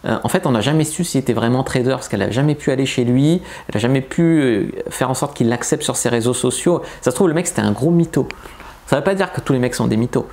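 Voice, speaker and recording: A man's voice: medium pitch, fast, a little mellow. A man who works as a dating coach gives blunt, colloquial advice to camera in a casual video.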